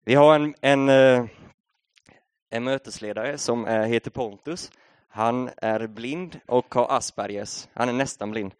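A young man from Sweden preaches at a middle pitch, moving from easygoing storytelling to rousing exhortation. His voice sounds close and dry, with no room echo. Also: smooth. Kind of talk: sermon.

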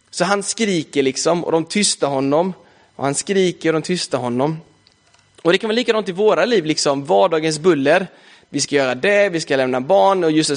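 Young male preacher with a slightly high voice, easygoing and chatty from the pulpit. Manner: casual conversational preaching, frequent filler "liksom". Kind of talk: sermon.

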